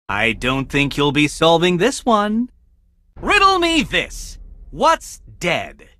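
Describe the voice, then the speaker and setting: A man's voice: fairly high pitch, bright, forceful tone, full character voice. A man voicing an arrogant genius riddle-master villain with a pompous, condescending, theatrical manner. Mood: taunting. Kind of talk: villain character acting.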